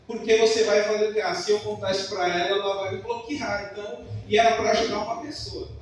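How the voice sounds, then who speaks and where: A man's voice: high voice, little pitch movement, fast. A man preaching a sermon in a church, emphatic and full of personal stories. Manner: emphatic, storytelling. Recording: echoey church hall from far off.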